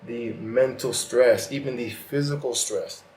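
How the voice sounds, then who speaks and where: A man's voice: mid-range voice, fairly even intonation, measured pace, a little mellow, roomy sound, poor audio. A man with slightly lisping, slurred speech from a retainer, giving a casual, earnest motivational monologue straight to the viewer. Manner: casual, colloquial, earnest direct address. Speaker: host of self-help vlog.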